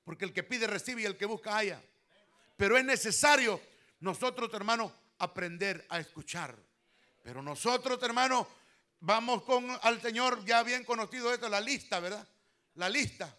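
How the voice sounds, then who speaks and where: A man preaching a sermon as pastor, fervent, swelling loud on key phrases and calling his listeners brother. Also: high voice, normal speed.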